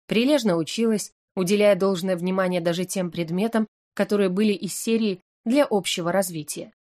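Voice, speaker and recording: A woman reading a first-person fantasy audiobook, in an expressive, anxious and wry voice. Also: medium pitch. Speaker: audiobook narrator.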